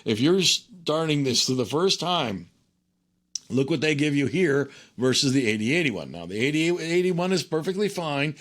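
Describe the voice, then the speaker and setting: A man teaching an informal technical tutorial, thinking aloud in a conversational way and often checking in with a quick okay or right. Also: on the high side, lively intonation, fairly bright tone. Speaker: instructor.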